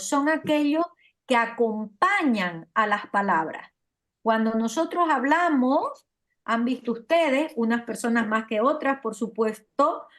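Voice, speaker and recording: Woman teacher, lively delivery, voice a bit high. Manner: lively, asks "¿verdad o no?" and "¿sí?" to check understanding. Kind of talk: classroom lecture.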